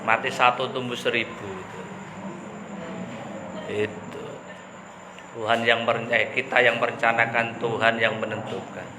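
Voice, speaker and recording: A man's voice: mid-range voice, little pitch movement, a little slow, pauses often. A man giving a casual religious talk, chatty and joking, mixing in local slang. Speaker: preacher. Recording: echoey room with background noise.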